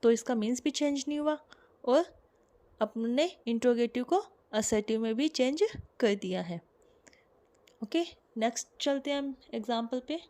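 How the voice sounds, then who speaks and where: A young woman with an Indian accent teaching English grammar online, explaining slowly and repeating each example sentence. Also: on the high side, animated, warm tone.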